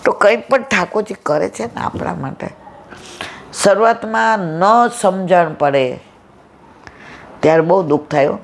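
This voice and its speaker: A woman's voice: on the low side, measured pace, vocal fry, long pauses. A woman giving a devotional talk to a satsang, telling stories and acting out the dialogue. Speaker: satsang speaker.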